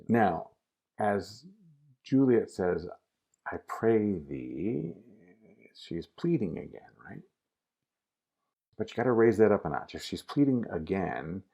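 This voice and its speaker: A man's voice: sits low, a little mellow. A man giving a casual acting lesson, coaching the listener directly through a scene. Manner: casual instructive, addresses the student directly. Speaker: acting teacher.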